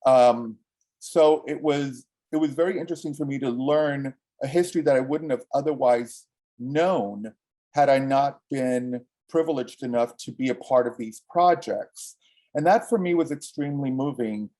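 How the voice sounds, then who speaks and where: A man from Cuba, a filmmaker answering interview questions in an earnest, halting way with many restarts. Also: medium pitch, dark tone.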